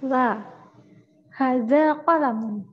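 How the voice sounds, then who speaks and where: Indonesian female student, high and slow, reading drill answers over muffled audio. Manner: slow and careful.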